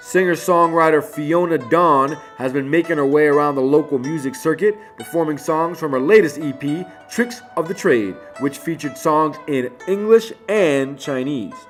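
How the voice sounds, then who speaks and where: A man's voice: on the high side, normal speed, hardly any pauses. A man giving scripted, upbeat news narration as host of a local music show, speaking over a voice-over.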